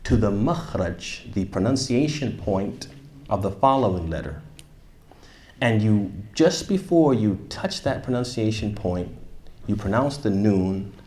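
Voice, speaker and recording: A man's voice: fairly low pitch, unhurried, roomy sound. A man leading a tajweed class, modelling sounds and quizzing students as he goes. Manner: animated, demonstrates sounds and asks the class questions. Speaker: tajweed teacher.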